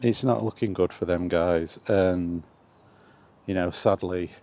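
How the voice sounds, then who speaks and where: A man with a low, mellow voice talks slowly while walking outdoors for a vlog. He comments casually on video games, rambling in a blunt, resigned way.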